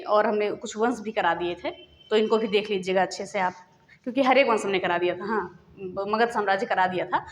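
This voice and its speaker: Woman teacher, high and quick, question-and-answer drilling, reverberant room. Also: slight background noise. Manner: repeats key facts as questions and answers. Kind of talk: exam revision lesson. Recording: echoey room with long reverb.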